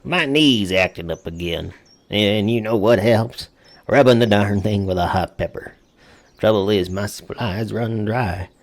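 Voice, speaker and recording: A man voicing a folksy old prospector with a drawn-out drawl, reading a letter in a video game. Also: lowish voice. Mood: folksy grumbling.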